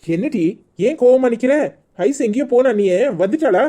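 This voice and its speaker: An exasperated husband, voiced by a woman, in a cartoon, grumbling and mocking with a Kanyakumari Tamil accent. The voice is mellow and mid-pitched. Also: lively intonation, normal speed. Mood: irritated.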